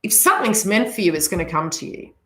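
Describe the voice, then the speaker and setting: Her voice sits on the low side, expressive, fast and a little bright, with a slight New Zealand accent. As a psychic host chatting with live viewers, she gives spiritual advice in a rambling way full of asides, all in an echoey, roomy space.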